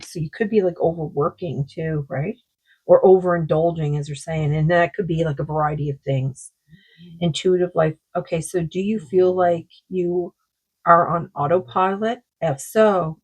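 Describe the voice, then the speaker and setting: A woman doing a tarot card reading, talking in a slow, meandering way, her throat sore. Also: lowish voice, a little mellow, slightly rough, low-quality recording. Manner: slow, meandering, full of likes and you-knows. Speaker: psychic card reader.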